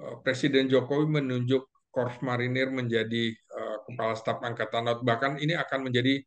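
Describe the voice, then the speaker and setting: A man who is a guest analyst in a casual discussion, going through names and facts methodically, with many pauses and fillers. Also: mid-range voice, steady tone.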